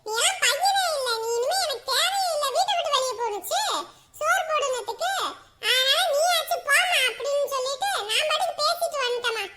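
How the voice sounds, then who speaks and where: A man's voice: very high-pitched, animated, a little fast, sharp tone, full character voice. An actor playing a young jobless village man who complains sulkily about his mother. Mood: aggrieved. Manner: sulky, complaining. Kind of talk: Tamil web drama acting.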